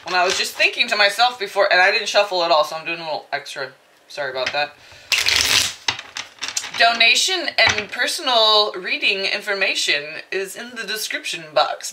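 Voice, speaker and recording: With a mid-range voice against background noise, a woman casually talks her way through a tarot reading. She rambles playfully and often slips into exaggerated asides.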